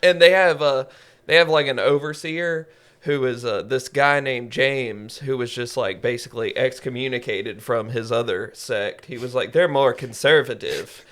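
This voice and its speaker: A man's voice: medium pitch, fairly even intonation, moderate pace, a bit bright. A man co-hosting a podcast, telling stories in casual chat with a wry, joking manner. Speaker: podcast co-host.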